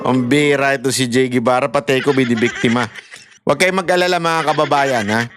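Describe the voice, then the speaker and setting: A man from the Philippines, an online commentator, delivers heated commentary to his viewers, laughing often and swearing between apologies. His mid-range voice is brisk and plays over music.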